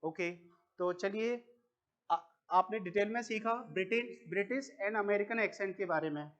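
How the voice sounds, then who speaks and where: The recording cuts off the highs of this high-pitched, fairly bright male voice. He has an Indian accent and teaches an English class, explaining slowly, saying each word more than once, and asking questions only to answer them himself.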